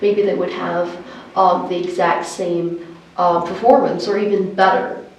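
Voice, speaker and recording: Woman chatting n telling stories, pretty animated, super echoey room, mic kinda far. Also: fairly low pitch, a little slow. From Sudan. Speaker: podcast co-host. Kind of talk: casual conversational storytelling. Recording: very echoey room, distant microphone.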